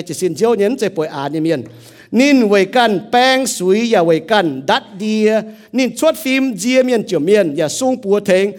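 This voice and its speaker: A man's voice: high-pitched, darkish tone. A man preaching a sermon as pastor, with a rising and falling delivery.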